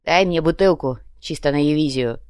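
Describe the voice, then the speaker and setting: Lisping savage tough guy for an audiobook, slow and unbothered, read by a woman, low and dry. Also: clear, resonant tone, no echo, close to an everyday voice. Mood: gruff. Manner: slow, flat delivery with a lisp. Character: calm male savage thug, slow and lisping. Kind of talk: audiobook reading.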